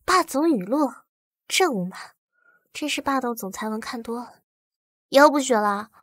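An actress playing a patient young wife who coaxes and gently scolds her husband. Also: on the high side, expressive, moderate pace, dry recording, studio quality. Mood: tender. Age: young adult. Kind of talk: short romantic drama acting.

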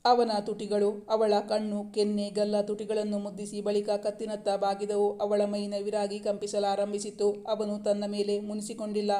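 Female storyteller, steady unhurried narration, monotone, mid pitch. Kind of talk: scripted narration of a romance novel.

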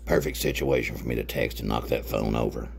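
A man hosting a show, adding sarcastic deadpan commentary over a clip. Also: rumbling low, brisk, gravelly, breathy edge. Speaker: show host.

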